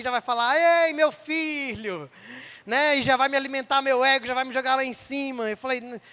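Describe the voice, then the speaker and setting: A man's voice: very high-pitched, bright, forceful tone. A young man preaching a sermon in church, telling a personal story and acting out the voices of the people in it. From Brazil.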